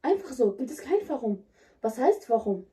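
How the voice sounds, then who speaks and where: A higher-pitched woman, a native Somali speaker, talks bluntly and insistently in simple broken German while staging a prank on her husband for a casual home vlog. She is very animated and mellow, speaking at normal speed. It's recorded indoors at home on a distant mic.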